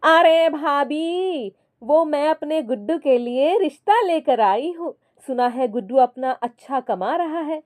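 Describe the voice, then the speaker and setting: A woman voicing a selfish, sweet-talking sister-in-law who speaks in a high, drawn-out, coaxing way. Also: expressive, a little mellow.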